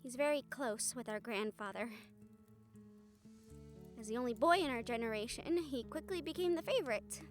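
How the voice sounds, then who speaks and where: Speaking at a moderate pace with long pauses, a woman lightly acts the part of a wry, caring friend in a fantasy audio roleplay, addressing one listener in an intimate one-sided talk. She's casual and hesitant, candid and wry, chuckling and swearing a bit. Her voice is a little high, with soft music underneath.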